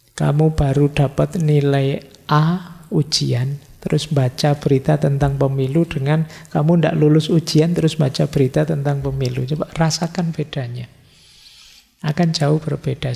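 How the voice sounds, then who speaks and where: Gravelly lecturer in a hall. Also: male voice, on the high side, a little mellow. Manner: conversational, teasing examples, rhetorical questions. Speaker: philosophy lecturer. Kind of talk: casual Javanese-tinged lecture. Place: large mosque hall. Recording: long reverb of a large hall.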